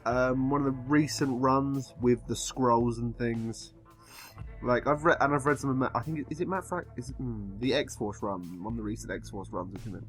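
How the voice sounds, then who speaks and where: A man with an English accent giving a casual film review, rambling and halting as if he has been drinking. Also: mid-range voice, faint music behind. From England.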